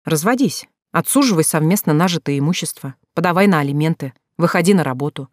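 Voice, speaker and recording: A narrator voicing a calm, stern older brother who lectures in a level tone in an audiobook. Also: mid-range voice, quick pace, no room sound, studio quality, natural voice.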